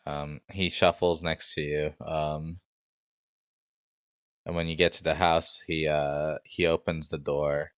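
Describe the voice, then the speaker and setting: A man's voice: extremely low pitch, a bit bright, clean tone, no room sound, clean studio sound. A man narrating as game master of a tabletop game, casual and hesitant with many fillers.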